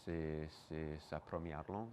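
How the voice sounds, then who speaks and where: Slow, deep man. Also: fairly even intonation, warm tone, slight background noise. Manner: hesitant, explanatory. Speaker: museum interviewee. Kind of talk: casual interview answers.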